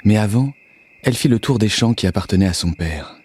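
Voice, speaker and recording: A man calmly reading a children's story aloud in a measured, scripted narration. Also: lowish voice, breathy edge.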